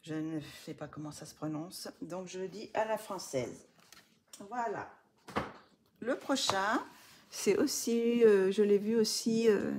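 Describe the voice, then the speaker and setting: A woman's voice: medium pitch, a little hiss or hum. A woman chatting casually as she shows coloring books, often dropping to a near whisper and gushing over the pages. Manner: soft-spoken, often drops to a near whisper, many fillers. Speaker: coloring book vlogger. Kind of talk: casual show-and-tell chat.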